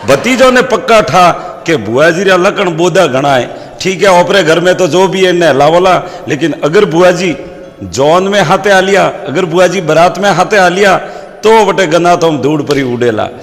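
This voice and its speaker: A man's voice: high voice, normal speed. A man with a Rajasthani accent telling comic folk stories and proverbs as a stage comedian. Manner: lively storyteller quoting proverbs. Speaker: stand-up comedian. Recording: long hall reverb.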